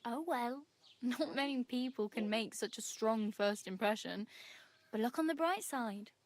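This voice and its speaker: A woman's voice: on the high side, unhurried, no room sound. An actress playing a cheerful, chatty young female wanderer in a game. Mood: friendly. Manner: friendly, chatty, laughs easily.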